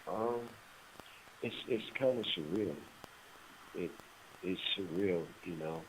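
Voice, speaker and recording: A man in his forties calling from a prison phone, talking in a halting, reflective way with many restarts. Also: low-pitched. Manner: halting, reflective, full of restarts and "you know". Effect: on a prison phone line. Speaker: incarcerated caller. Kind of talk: casual phone conversation. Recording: noisy phone line.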